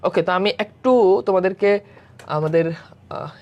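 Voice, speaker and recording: A man's voice: high voice, unhurried, a little mellow, muffled recording. Man teaching a live online exam-prep class. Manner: explains step by step, often checks in with students; mixes English words into speech.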